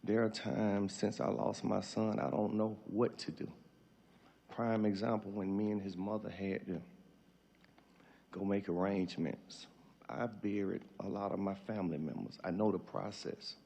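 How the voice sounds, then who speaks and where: A middle-aged man with a husky, gravelly voice giving an emotional, tearful farewell speech as a grieving father, halting as he goes. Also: lowish voice, fairly even intonation, dark tone.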